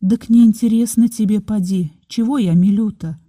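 A woman's voice: mid-range voice, normal speed, dark tone, no room sound, clean studio sound, lightly acted. A woman voicing a talkative older village mother telling her story in folksy rustic speech. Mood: confiding.

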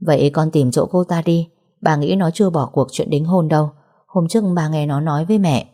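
A woman's voice: deep voice, brisk, warm tone. A woman voicing a stern older father in a story who barks and scolds. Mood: calm. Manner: barking, scolding. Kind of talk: audiobook character reading.

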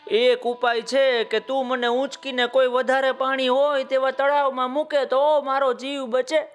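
A man's voice: extremely high pitch, little pitch movement, unhurried, smooth, soft background music, voice pushed up. A man voicing a desperate male crocodile in a children's story, begging a farmer for help in a wheedling tone. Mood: pleading. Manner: wheedling, begging and swearing promises. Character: desperate pleading male crocodile stranded in dried pond.

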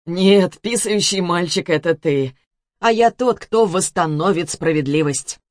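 A woman voicing a defiant man who speaks loudly against a rival. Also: high-pitched, measured pace, no echo, clean studio sound. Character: righteous man shouting at a rival.

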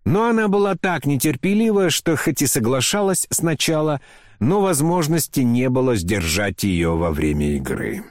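A man's voice: medium pitch, big pitch swings, moderate pace, no room sound, studio quality. A man narrating a classic novel as an audiobook, telling the story with dramatic expression.

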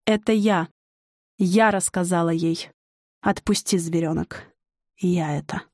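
Woman doing a hushed motherly forest spirit. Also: lowish voice, measured pace, no echo, studio quality. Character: quiet motherly female forest guardian spirit.

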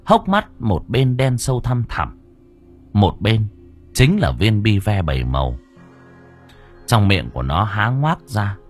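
A man narrating a horror story in an audiobook with expressive, dramatic delivery. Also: on the low side, slow, long pauses, faint music behind.

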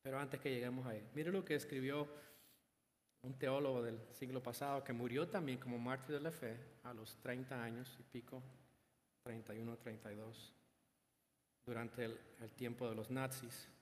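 A man preaching a sermon in a mid-pitched voice, leaning on rhetorical questions and building emphasis as he speaks. His voice rings out with a long reverb, as if filling a large hall. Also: fairly even intonation, moderate pace, a little hiss or hum. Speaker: pastor.

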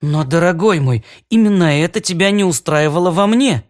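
Man voicing a gentle female ghost, calm, forgiving, soft and mild, storybook. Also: fairly high pitch, normal speed, voice pushed up, natural voice.

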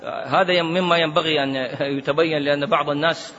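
High, bright-voiced man giving a lively religious talk. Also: fast. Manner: lively, swings between raised and hushed tones, chants recitations. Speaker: sheikh giving religious rulings. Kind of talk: religious lecture. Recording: dull lo-fi recording with faint noise.

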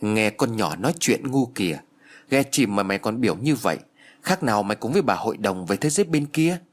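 A man's voice: fairly low pitch, animated, a little fast. A man voicing the vengeful ghost of a young man in an audiobook story, in a mocking, sneering manner.

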